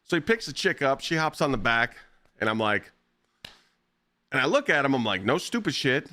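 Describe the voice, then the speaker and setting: A man streaming live, telling blunt, profane stories in a casual, animated way. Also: mid-range voice, moderate pace, no room sound, studio quality. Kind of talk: casual storytelling while gaming.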